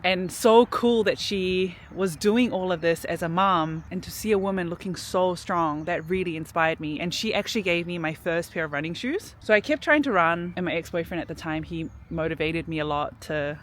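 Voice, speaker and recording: A woman talks through her personal story in a relaxed, reflective way, dropping plenty of casual fillers. She records outdoors in a city park, with faint traffic behind her. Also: fairly low pitch. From New Zealand. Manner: reflective, chatty, frequent "like" fillers. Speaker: vlogger.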